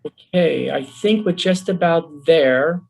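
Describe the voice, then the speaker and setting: Fast-talking Bronx man, gravelly. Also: fairly high pitch, a little mellow, poor audio. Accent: New York Bronx. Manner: fast, earnest, emphatic. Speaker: social worker presenter. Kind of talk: online webinar talk.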